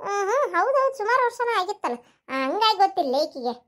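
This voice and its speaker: Cartoon role: rapid-fire North Karnataka village gossip, very high voice, played by a performer. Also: big pitch swings, a bit bright, full character voice. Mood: gossipy. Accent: North Karnataka Kannada. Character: gossiping married village woman. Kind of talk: cartoon comedy voice acting.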